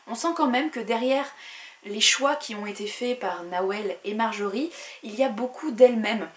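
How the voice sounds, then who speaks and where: A woman's voice: fairly high pitch, normal speed. A woman book vlogger casually reviewing a subscription box, chatting freely with frequent fillers. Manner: chatty, many "euh" and "voilà". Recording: echoey room.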